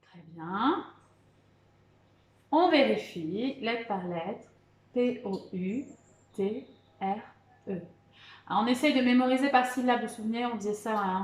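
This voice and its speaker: A woman teacher with a fairly high voice leads a spelling lesson, slow and patient, calling out letters one at a time. Her voice rings a little in an echoey room. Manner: encouraging, repeats "d'accord" and "très bien". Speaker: primary school teacher. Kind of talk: remote spelling lesson for children.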